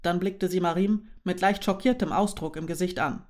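A woman reading a German novel aloud in calm, steady scripted narration. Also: fairly low pitch, moderate pace. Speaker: audiobook narrator.

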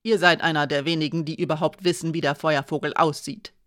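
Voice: medium pitch, moderate pace, no echo, studio quality, lightly acted. A narrator voicing a proud woman guard who speaks sharply and with menace, in an audiobook. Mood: stern. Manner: sharp, hard, threatening.

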